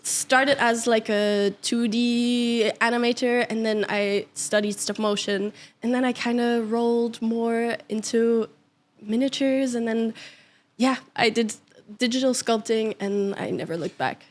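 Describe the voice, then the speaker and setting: Belgian woman guest with Flemish as her first language. Fairly high voice, giggly, chatty, trails off mid-thought. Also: fairly even intonation, measured pace. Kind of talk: casual chat.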